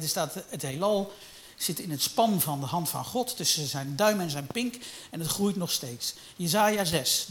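Animated high-voiced preacher. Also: male voice. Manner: animated, rising to loud emphatic peaks then dropping low and quiet. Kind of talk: sermon.

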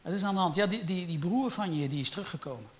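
A man delivers a sermon with a fairly high voice. He rises into loud, fervent bursts, then drops to hushed, low storytelling. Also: rapid-fire. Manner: animated, rising to loud emphatic peaks then dropping low and quiet. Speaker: preacher.

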